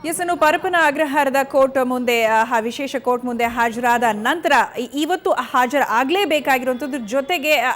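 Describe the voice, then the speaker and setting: A woman with a Kannada accent anchors live breaking news in a fairly high, somewhat bright voice. Sounding urgent, she repeats the latest updates again and again and fills pauses with drawn-out fillers.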